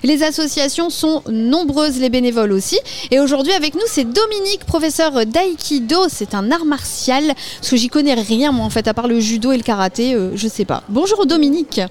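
High-voiced chatty radio host. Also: female voice, lively intonation, brisk, a little mellow, slight background noise. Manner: chatty, friendly, lots of fillers. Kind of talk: live radio interview. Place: community hall.

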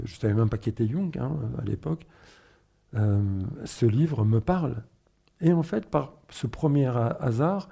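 A middle-aged man from northern Spain, a guest in an interview, speaking reflectively and haltingly with fillers and restarts. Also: mid-range voice, vocal fry, mellow, slightly rough. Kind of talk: personal testimony interview.

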